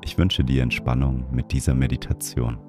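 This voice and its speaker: Very low male voice, slow scripted meditation guidance, music behind. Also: level tone. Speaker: meditation podcast host. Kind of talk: scripted meditation introduction and instruction.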